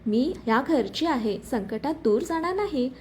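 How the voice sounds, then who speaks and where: A woman's voice: high voice, expressive, normal speed, a little hiss or hum. Woman reading a composed, caring young wife. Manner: soft, composed.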